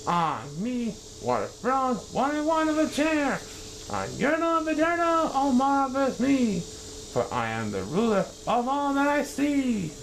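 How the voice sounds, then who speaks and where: A pompous little turtle king from a storybook bellows his commands in a high, swooping voice, with a man putting him on. The tone is bossy and full of himself, with a gravelly edge. There is a faint hiss of noise behind him. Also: wildly swooping pitch, a little slow, heavily acted, poor audio. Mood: triumphant. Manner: shouting, grandiose, high and strained.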